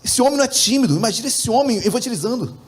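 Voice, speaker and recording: High-voiced pastor preaching expressively. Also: male voice, expressive, racing, slightly rough. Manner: preaching with frequent asides to the congregation; acts out quoted dialogue with shifted intonation. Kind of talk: sermon.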